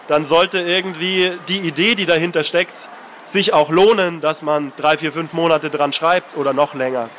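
A male author talking in an interview about writing his novel and reading passages from it, thoughtful and relaxed. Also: on the high side, slight background noise. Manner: thoughtful and relaxed, with filler sounds.

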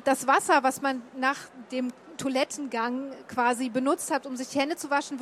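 Her voice sits high, and a slight hiss or hum can be heard. She's a guest from Berlin, Germany, describing a stay in Japan in a casual slide presentation peppered with fillers and false starts.

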